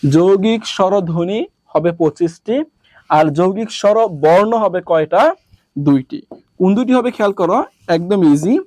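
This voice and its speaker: A man from Bangladesh teaching a classroom lesson, asking questions and answering them himself in a lower voice, drilling through repetition. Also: moderate pace, darkish tone, dry recording.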